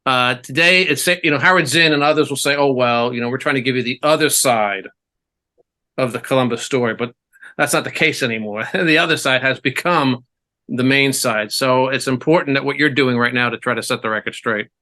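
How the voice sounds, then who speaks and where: A man's voice: mid-range voice, brisk, sharp tone. A middle-aged man hosting an interview, talking conversationally with plenty of fillers. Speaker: interview host.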